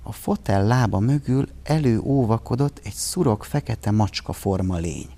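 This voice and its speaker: A man reading a children's tale aloud in an expressive storybook style, giving each character a voice of its own. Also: on the low side, vocal fry.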